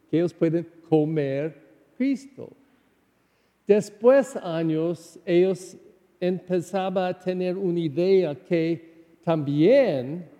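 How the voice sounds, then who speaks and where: Earnest priest with an American accent. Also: male voice, high-pitched, dark tone, long reverb tail. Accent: American English. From United States. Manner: slow, earnest preaching with non-native phrasing. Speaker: parish priest. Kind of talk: Sunday homily.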